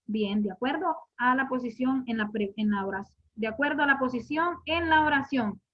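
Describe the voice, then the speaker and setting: A woman with a high, bright-pitched voice leads a classroom lesson, walking her students patiently through each point. She repeats her questions and quizzes the class as she goes. The recording sounds muffled and lo-fi. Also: animated, normal speed. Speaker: English teacher.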